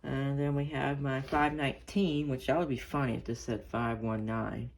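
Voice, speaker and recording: Flat in delivery, mid-range, and touched with vocal fry, this man shows his radios in a casual, hands-on way. He halts and rambles, frequently correcting himself, in a noisy room where clicks are heard.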